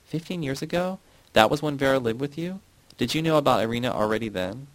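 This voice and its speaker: A man's voice: medium pitch, fast talker, a bit bright, pitched above the performer's own voice, natural voice, rough recording. A man voicing a curious young woman asking eager questions in a whisper.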